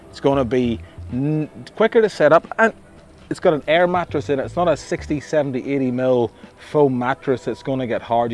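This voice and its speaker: A man's voice: medium pitch, a little mellow. A middle-aged Australian man giving a chatty, enthusiastic camping gear review outdoors at a campsite, often restarting his sentences. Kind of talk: casual outdoor product review. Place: outdoor campsite among trees.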